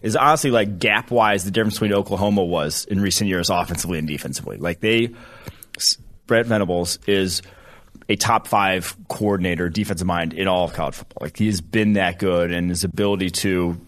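A man's voice: low voice, a little fast, fairly bright tone. A man co-hosting a sports podcast, giving laid-back, rambling analysis in casual chat. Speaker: podcast co-host.

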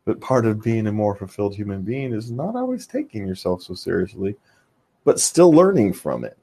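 A man's voice: fairly low pitch, very animated, normal speed, mellow, slightly rough. A man co-hosting a casual live stream, joking and laughing a lot, then talking thoughtfully about self-analysis. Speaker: livestream co-host. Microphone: on camera, controls the board.

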